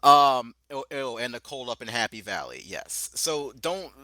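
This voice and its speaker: A man's voice: mid-range voice, sing-song, measured pace, a crowd in the background. A man from Maryland co-hosting a podcast, defensive and mock-offended, swearing freely in casual banter. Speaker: podcast co-host.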